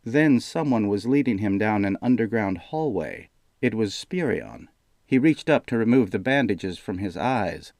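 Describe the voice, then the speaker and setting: A man reading a fantasy audiobook aloud in a steady, measured storytelling manner. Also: on the low side, dry recording. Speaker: audiobook narrator. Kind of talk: scripted narration.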